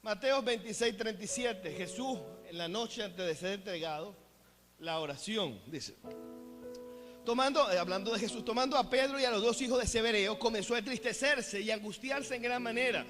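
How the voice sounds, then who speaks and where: A man with a Venezuelan accent preaching a sermon as a pastor. He is energetic and joking, and often calls out to the congregation to keep them engaged. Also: high voice, moderate pace. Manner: playful, mixes jokes into preaching. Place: church hall. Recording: echoey hall with faint music behind.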